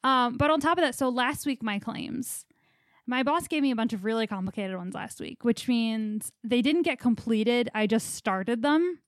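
During a casual podcast chat, a young female co-host goes on at length, her storytelling chatty, rambling and anxious. She has a fairly high, expressive voice at a moderate pace, recorded with no echo.

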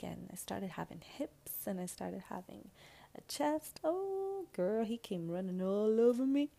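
A woman's voice: on the low side, gravelly, warm tone. A young woman vlogger telling a personal story to her viewers in a sassy, casual way, full of slang, swearing and filler words.

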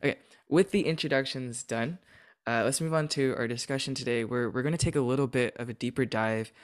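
A man hosts a podcast interview in a conversational way. His voice sits at a medium pitch and sounds very smooth and clean. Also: fairly even intonation, fairly quick. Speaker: podcast host.

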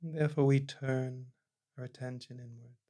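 A man leading a guided meditation, speaking slowly and calmly, his phrases trailing off softly at the ends. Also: mid-range voice. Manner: slow, calm, soft-spoken, trailing off quietly at phrase ends. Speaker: meditation teacher.

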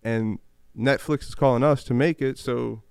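A man's voice: medium pitch, normal speed, gravelly, darkish tone, clear, resonant tone, no echo, studio quality. Slangy man chatting loosely. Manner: slangy, rambling, many fillers. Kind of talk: casual conversation.

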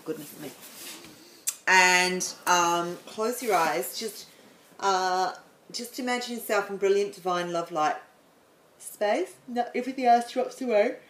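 A woman explaining the planets in a chatty way, then leading a guided meditation with slow, soothing instructions and some stumbles. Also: lowish voice, a bit bright, roomy sound, a little hiss or hum, poor audio. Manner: chatty, apologetic, stumbles over words.

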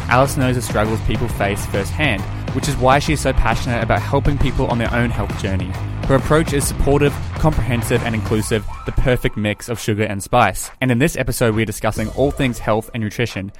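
Host, young man, quick and upbeat delivery, music playing underneath. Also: mid-range voice. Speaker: podcast host. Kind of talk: podcast interview.

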